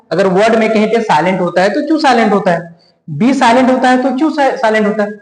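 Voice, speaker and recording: A man teaching a lesson with a high, very animated voice that keeps asking questions and answering them. The recording is roomy, with a long, echoing reverb. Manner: lively and emphatic, asks questions and answers them himself. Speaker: English teacher. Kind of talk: classroom-style lesson. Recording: echoey room with long reverb.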